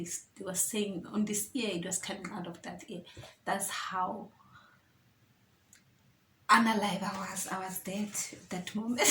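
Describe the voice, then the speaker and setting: A woman's voice: medium pitch, fairly bright tone, echoey room, a little hiss or hum, poor audio. A woman telling a personal story to her viewers in a chatty, emotional way, often calling them guys. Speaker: vlogger. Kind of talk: personal story-time vlog.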